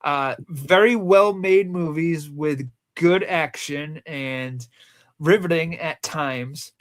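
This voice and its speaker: This co-host of a movie countdown, who has a Rhode Island accent, keeps the film chat casual with plenty of joking and teasing. He talks slowly at a fairly high pitch.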